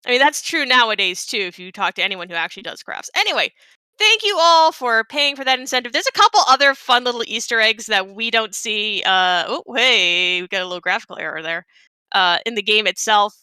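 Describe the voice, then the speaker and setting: A woman's voice: a little high, animated, brisk, pushed and bright, clear, resonant tone, no echo. A woman giving casual, chatty live commentary on her own game run, with playful asides.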